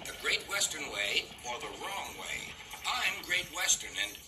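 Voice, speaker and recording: A man's voice: fairly high pitch, very animated, measured pace, voice pushed up. A man voicing a proud, self-satisfied male tank engine with a dry manner. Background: music.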